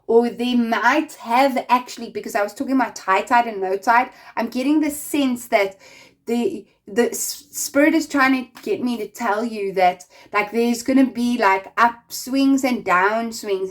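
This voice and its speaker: A woman giving a casual spiritual tarot reading, chatty and rambling, full of fillers, speaking encouragingly straight to the listener. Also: a little high. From not American. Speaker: tarot reader.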